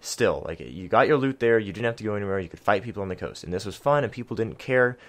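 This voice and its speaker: A man's voice: fairly low pitch, expressive, fast, fairly bright tone. A man giving a casual map guide for a video game, chatty, with lots of ums and self-deprecating asides. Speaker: gaming video creator.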